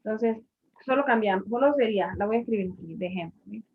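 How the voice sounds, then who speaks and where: A woman's voice: mid-range voice, expressive, fast, slightly rough. A woman teaching an English grammar class, patiently explaining and repeating each point in a classroom. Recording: muffled lo-fi recording.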